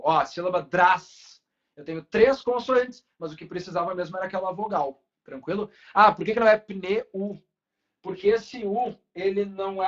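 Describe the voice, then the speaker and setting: A man, teaching a Portuguese class in a casual way and checking in with students often. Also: high voice. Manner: casual, talks to students with frequent tag questions. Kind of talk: online class lecture. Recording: dull lo-fi recording.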